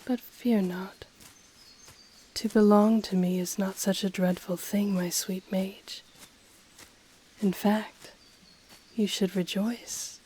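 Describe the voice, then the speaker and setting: A woman voicing an ancient dragon familiar, possessive, teasing and tender, speaking softly and formally in an intimate ASMR roleplay. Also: mid-range voice, a little hiss or hum, lightly acted. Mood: coaxing, reassuring. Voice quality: soft, breathy, often whispering. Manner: slow, formal, teasing, purring delivery.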